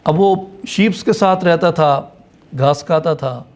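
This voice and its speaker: Male lecturer from Punjab, storytelling, code-switching into English, slightly high voice. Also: vocal fry, a little mellow. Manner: mixes English phrases into speech.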